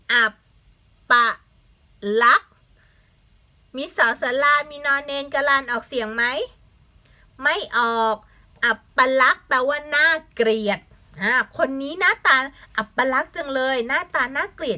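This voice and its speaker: Bright-voiced woman teaching a language class. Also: high voice, expressive, normal speed. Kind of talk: online language lesson for children.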